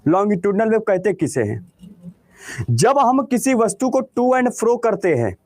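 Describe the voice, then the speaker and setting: A man's voice: sits high, very animated, unhurried, a little mellow, no room sound, studio quality. A man with a Bihari Hindi accent teaching a class, who keeps asking questions and answering them himself. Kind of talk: classroom lecture.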